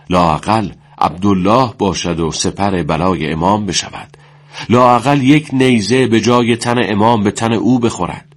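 Male narrator, very deep voice, solemn measured story reading.

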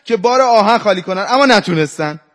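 Man acting a fed-up brother, scolding, a bit high, long hall echo. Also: lively intonation, fairly bright tone. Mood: exasperated. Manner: scolding, exasperated. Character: exasperated older brother on the phone.

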